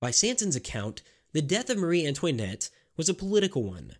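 A man narrating a scripted history story in a measured, grave storytelling manner. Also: on the high side, big pitch swings.

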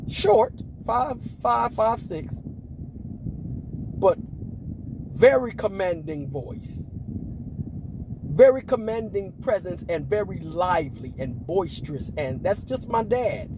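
A man in his forties preaches in a casual, slangy way. His voice is unusually high and swings widely in pitch, and he laughs often and sometimes shouts for emphasis. Traffic noise comes through clearly behind him. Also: animated, slow pace, pauses often. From Las Vegas, Nevada, US. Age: 40s. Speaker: preacher and podcast host.

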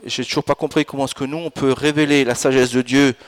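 A man in his fifties delivers a church sermon from the pulpit. His voice sits at a middle pitch, and his delivery is animated, rising into emphatic, urgent bursts as he presses his points. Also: quick pace. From France and Italy. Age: 50s. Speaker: pastor. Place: church in Alsace.

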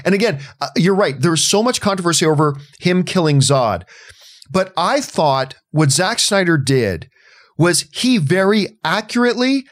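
High-voiced, animated man gushing about film. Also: moderate pace. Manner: passionate, effusive, emphatic with occasional swearing. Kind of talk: casual podcast discussion.

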